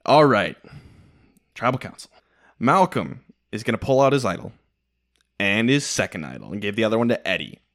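A man co-hosting a podcast, recapping reality TV in casual, animated chat with frequent laughs. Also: lowish voice, normal speed, pauses often. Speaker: podcast co-host.

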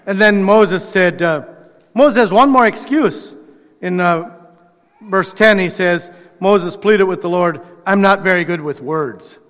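A man's voice: sits high, measured pace, fairly bright tone, big-room sound. A male pastor delivering a conversational sermon, acting out the quotes with restarts.

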